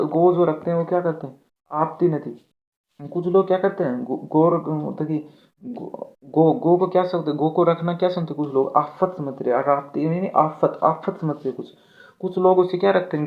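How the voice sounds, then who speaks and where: Tinny-sounding man teaching mnemonics. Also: fairly high pitch. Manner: repetitive, asks and answers his own questions. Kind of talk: exam-prep mnemonic lesson. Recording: tinny phone-like audio.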